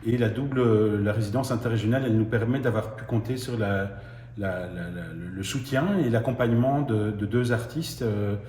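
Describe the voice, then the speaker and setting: A man's voice: fairly low pitch, normal speed, a little mellow, echoey room, a little hiss or hum. A man, a theatre artist in residence, explaining his project in an interview, carefully and with many fillers. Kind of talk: interview testimonial.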